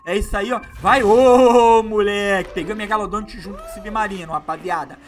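A man doing excitable, slangy live gameplay commentary as a gaming YouTuber, hyping up his viewers. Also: high-pitched, brisk, soft background music.

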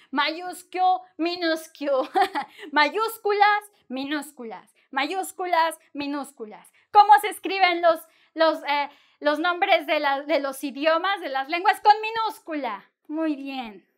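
Bright, unhurried woman teaching Spanish. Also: sits high. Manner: playful, animated, drawn-out syllables for practice. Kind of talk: bilingual language lesson.

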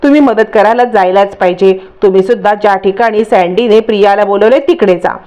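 A woman's voice: mid-range voice, brisk, warm tone, natural voice. A woman voicing a supportive young female assistant who speaks in an encouraging way in a storytelling recap.

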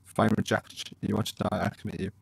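A man's voice: fairly low pitch, flat delivery, quick pace, vocal fry, a little hiss or hum, poor audio. A man hosting a let's play, chatting casually to viewers and reading his dialogue choices aloud. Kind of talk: casual gameplay commentary.

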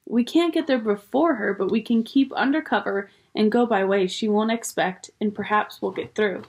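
A woman's voice: mid-range voice, normal speed, a little mellow, natural voice. A woman voicing a bustling, motherly beaver wife. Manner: bustling and homely. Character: fussy motherly female beaver.

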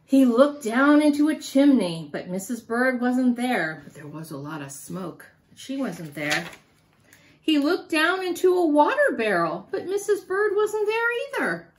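A woman with a high, bright voice reads a children's picture book aloud. She is animated and sing-song, often pausing to quiz her young listener. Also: a little hiss or hum. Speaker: storyteller for children.

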